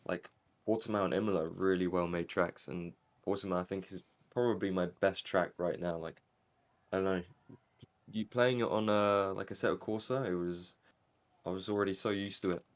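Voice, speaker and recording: A young Angolan man with a low voice talks at a moderate pace in a casual voice-chat interview after winning a sim race. He sounds relaxed and rambles, filling his speech with lots of fillers.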